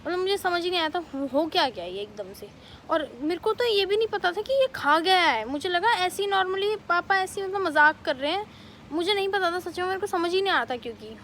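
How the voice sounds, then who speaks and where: A young woman vlogger telling a family story in a casual, animated way, with many fillers. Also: very high voice, a little hiss or hum. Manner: animated retelling, quick bursts, many fillers.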